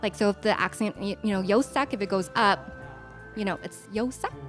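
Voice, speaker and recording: A woman's voice: medium pitch, brisk, faint music behind. A woman in her twenties from the United States, a guest in a casual chat, speaking in an earnest, reflective and encouraging way. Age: 20s.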